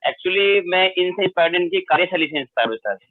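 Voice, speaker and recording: A man's voice: sits high, lively intonation, fast, no room sound. A man calling in with questions, deferential and hesitant, full of fillers. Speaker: caller asking questions. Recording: tinny dry phone line.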